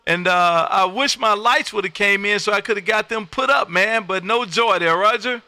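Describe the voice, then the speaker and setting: A Texas man hosts an amateur radio livestream, chatting casually and making call-outs in a folksy, effusive style, often repeating his phrases. His voice is high-pitched and bright, with a forceful tone and a moderate pace. There's a faint hiss or hum on the recording.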